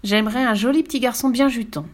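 A woman's voice: fairly high pitch, fast talker, voice pushed up, natural voice. Woman voicing a huge male crocodile, boastful, gloating, greedy, storybook reading.

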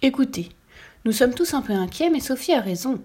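A woman voicing Georges, a wise old male horse who calmly reassures the others. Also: high voice, brisk, husky, voice pushed up. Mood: reassuring. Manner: calm, reassuring, persuasive.

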